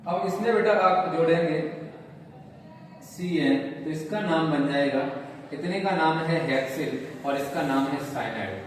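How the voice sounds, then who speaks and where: A man's voice: fairly high pitch, measured pace. Patient male chemistry teacher, echoey room. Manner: patient, repetitive, calls students "beta". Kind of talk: classroom lecture. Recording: roomy echo, distant mic, faint noise.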